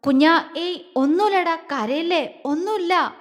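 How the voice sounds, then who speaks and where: A woman's voice: extremely high pitch, unhurried, pitched above the performer's own voice. A woman voicing a furious, possessive young man who turns tender with his beloved, in a Malayalam audio story. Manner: threatening, harsh then softly soothing. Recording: long hall reverb.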